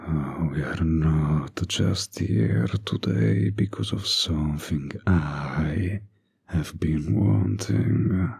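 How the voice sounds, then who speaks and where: In an intimate audio drama, a man voices a smug, manipulative, flirtatious villain, coaxing with deliberate pauses. His very deep voice is breathy and husky, with a darkish tone, and his animated delivery is heavily acted.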